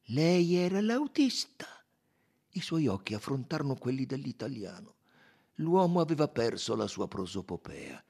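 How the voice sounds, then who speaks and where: A man narrating a novel as an audiobook, measured and expressive. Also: medium pitch, gravelly, slightly rough. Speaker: audiobook reader.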